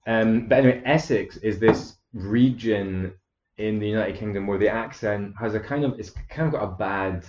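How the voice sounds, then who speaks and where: A man's voice: on the low side, moderate pace, darkish tone. Man, podcast host, casual chat, stammering restarts, roomy echo, muffled lo-fi sound. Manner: chatty storyteller, stammering restarts, frequent laughter. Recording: echoey, dull lo-fi room.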